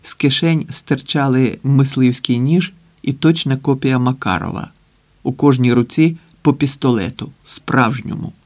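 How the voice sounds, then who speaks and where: Brief: male audiobook narrator, mid-pitched, measured dramatic delivery. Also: a little mellow.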